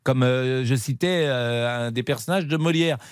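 A man's voice: mid-range voice, moderate pace, clean tone, no echo, studio quality. A man hosting a radio call-in show, chatting and teasing callers with many hesitations. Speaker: radio host. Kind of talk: casual call-in chat.

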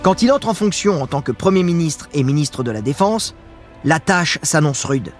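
Chatty man narrating history over soft music. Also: on the high side, animated, normal speed. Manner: chatty, addresses the listener directly. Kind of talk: scripted history narration with casual asides.

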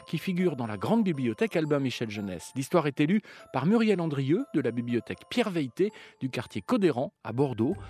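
Lively man announcing a podcast outro. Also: fairly high pitch. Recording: soft music bed.

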